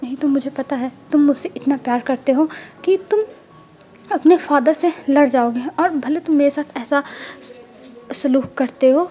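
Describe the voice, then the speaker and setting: A woman voicing a sad, gentle young orphan man. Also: high voice, moderate pace, natural voice. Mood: hurt.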